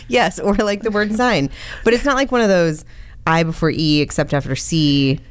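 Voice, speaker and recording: A woman's voice: lowish voice, unhurried. A woman lawyer co-hosting a podcast, chatting casually and telling stories. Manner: chatty storyteller. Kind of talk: casual chat.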